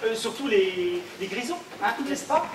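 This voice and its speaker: A man's voice: sits high, sing-song, a little slow, a little hiss or hum. A man acting in an amateur stage comedy, flustered and bossy, stammering as he gives orders. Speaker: stage actor playing a flustered businessman. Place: theatre stage. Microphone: far room mic. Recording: echoey stage from far off, audience.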